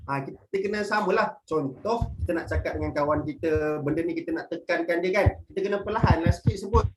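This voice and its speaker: A man's voice: on the high side, quick pace. A young man running an online workshop for primary pupils, talking in an upbeat, playful way and leading call-and-response drills. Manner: upbeat and playful, calls himself big brother, leads call-and-response drills. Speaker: workshop facilitator for schoolchildren. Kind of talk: webinar talk to primary pupils. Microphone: online video call. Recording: noisy online webinar audio.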